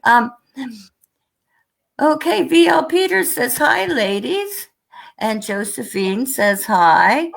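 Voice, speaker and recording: A woman's voice: fairly high pitch, very animated, takes it slowly, gravelly, long pauses. An American woman hosting a casual interview over a video call, bubbly and rambling, laughing often as she talks. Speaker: host.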